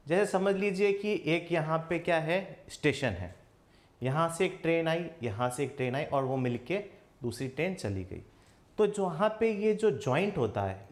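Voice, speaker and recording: A man teaching English grammar in a coaching class. He keeps asking questions and answering them himself, and he says his English examples slowly. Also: on the high side. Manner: slow, spelled-out English examples. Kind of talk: classroom lesson.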